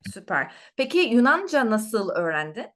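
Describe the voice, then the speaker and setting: Lively, melodic woman interviewing. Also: a little high, moderate pace. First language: Turkish. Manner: encouraging, repeats phrases simply for the learner. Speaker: interviewer, language teacher. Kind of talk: casual interview chat.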